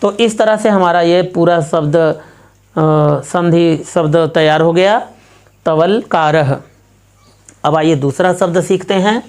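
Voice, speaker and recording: A woman's voice: lowish voice, takes it slowly, a little mellow. A woman teaching Sanskrit grammar, walking through each step methodically and repeating herself as she works an example.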